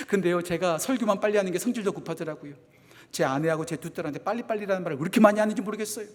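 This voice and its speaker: A middle-aged Korean man preaching a sermon. He talks fast, repeats phrases for emphasis, and moves between loud exhortation and hushed asides. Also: high-pitched. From South Korea. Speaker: associate pastor. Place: church sanctuary. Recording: long hall reverb of a church.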